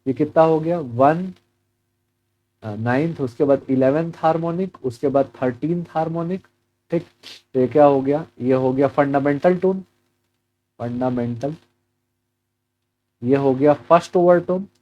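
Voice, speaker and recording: A man's voice: a little high, unhurried, pauses often, highs cut off. A man walking through a physics exam problem as a teacher, mixing Hindi with English terms and asking and answering his own questions.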